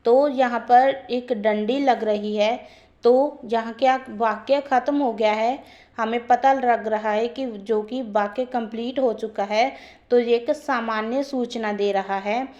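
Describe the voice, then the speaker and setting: A woman's voice: a little high, steady tone, slow pace, a little mellow, dull audio. A woman teaching a grammar lesson who explains step by step and repeats her points.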